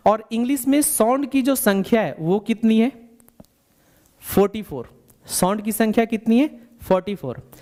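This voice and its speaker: His voice sits high, animated and a little mellow, as he teaches a bilingual spoken English class. He goes step by step, asks the learner the same questions again, and dictates definitions slowly.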